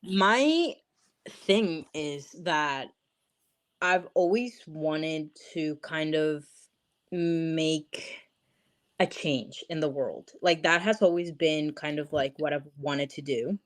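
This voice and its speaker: A woman's voice: low voice, slow. A young woman from Peru, talking as a podcast guest in a chatty, emphatic way, full of likes and literallys. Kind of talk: casual interview chat.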